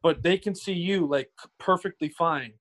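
A young man chatting casually as a podcast guest, rambling and halting, often repeating himself. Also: a little high, a bit bright. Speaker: guest streamer.

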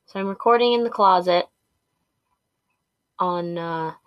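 A woman's voice: fairly low pitch, unhurried, no room sound, muffled recording. Woman podcasting from inside a closet. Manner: rambling, chatty, full of "um" and "anyway" asides. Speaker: podcast host. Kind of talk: casual solo podcast chat. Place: recording inside a small clothes closet. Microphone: home sound system and laptop.

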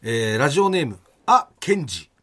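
Man, comedy radio co-host, fast talker, very expressive melody, emcee-style mail reading. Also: mid-range voice. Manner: reads listener mail and announcements in a showy, emcee-like way. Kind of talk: casual comedy radio chat.

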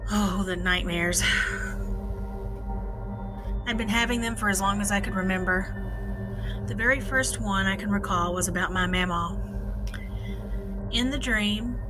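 A woman's voice: mid-range voice, low-quality recording. Woman telling spooky stories over music. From eastern Kentucky, United States. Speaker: podcast host. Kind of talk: scripted first-person horror storytelling. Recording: music behind the voice. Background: background music.

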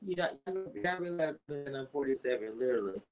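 A woman's voice: a bass voice, expressive, muffled recording, faint music behind. A woman in her forties chatting casually with viewers on a livestream, drawing out her words. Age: 40s. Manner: chatty, drawn-out, talks to viewers. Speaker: livestream host.

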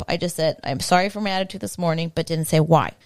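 A woman's voice: sits low, quick pace, no echo. A woman guest on a podcast telling a personal story in a casual, frank way, full of slang and swearing. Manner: slangy and frank, swears freely, fillers like "bro".

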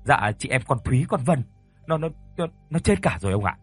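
Guy doing scared young servant, stammering, husky. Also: mid-range voice, lively intonation, normal speed, a bit bright, soft background music. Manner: stammering, deferential. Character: frightened young male servant.

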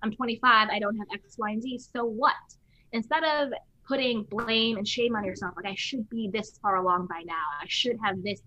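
In a casual podcast conversation, the woman host talks emphatically and imitates those she quotes. Her voice is fairly high, pushed and bright, at a moderate pace. The dry recording has a slightly dull lo-fi quality.

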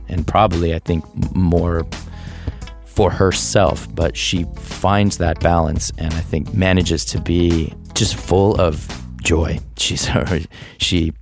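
This thirties-aged male podcast host has a low voice with vocal fry. Musing through a reflective monologue, he sounds thoughtful yet hesitant, often restarting and breaking into laughs as he loosely thinks out loud.

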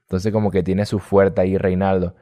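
A man's voice: low voice, flat delivery, normal speed, dark tone. A young man from Venezuela with a Venezuelan accent, telling stories in a casual, slangy interview chat as a guest. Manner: chatty, storytelling, slangy. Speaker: guest, gamer youtuber.

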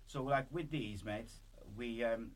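Talking a little slowly at a medium pitch, this podcast host has a Welsh accent and an easygoing, meandering style, leaning heavily on the word "like." Background noise can be heard, though the recording itself is clear.

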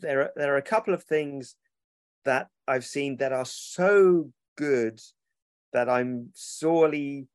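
A man's voice: medium pitch, slow pace, clear, resonant tone, dry recording. A man, a children's book publisher who rambles and corrects himself in a casual interview over a remote call.

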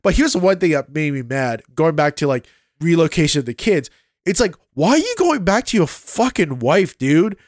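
Man, podcast co-host, exasperated, swearing, high voice, dry sound. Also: big pitch swings, moderate pace, dry recording. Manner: exasperated, swears, agrees along. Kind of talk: casual podcast chat.

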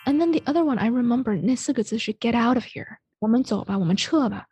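A woman's voice: fairly high pitch, animated, fast talker, warm tone, slightly rough, soft background music. A woman hosting a radio English lesson, explaining patiently while switching between Mandarin and English. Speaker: English teacher and radio host. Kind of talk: bilingual radio lesson chat.

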